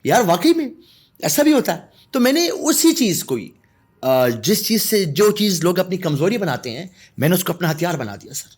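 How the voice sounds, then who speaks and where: A man's voice: high voice, husky. A man from Pakistan, a guest telling anecdotes in a podcast conversation, laughing as he goes. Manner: animated anecdotal storytelling with laughter. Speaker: guest, artist and storyteller.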